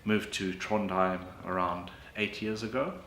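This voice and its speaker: A man, answering interview questions in a relaxed way, correcting himself now and then. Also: lowish voice, a little slow. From South Africa. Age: late 30s. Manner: relaxed, with fillers and self-corrections. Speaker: author and freelance economist. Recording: echoey room with background noise.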